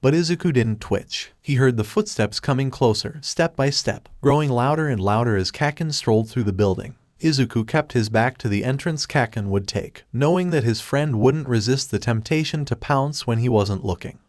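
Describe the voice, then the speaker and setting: A man narrating a fan fiction story in a steady, even reading style. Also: medium pitch, moderate pace, hardly any pauses, no room sound, clean studio sound.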